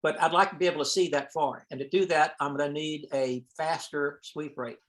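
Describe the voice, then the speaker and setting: A man with a higher voice and fairly bright tone presents at an amateur radio science teleconference held online. His delivery is fairly quick and fairly even in intonation as he informally explains things step by step, at times thinking aloud.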